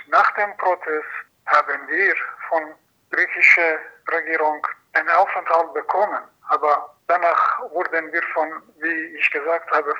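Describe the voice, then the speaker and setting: Man, halting testimony, sharp bright tone, dull lo-fi recording. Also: a little high. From Iran. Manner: halting, non-native phrasing with restarts. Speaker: asylum seeker. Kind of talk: personal testimony.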